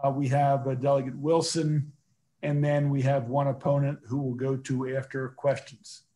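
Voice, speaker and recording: A man's voice: mid-range voice, level tone, normal speed, dark tone. A man in his sixties chairing a formal meeting in a businesslike way over a video call. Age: 60s. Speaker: committee chair. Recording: noisy video call audio.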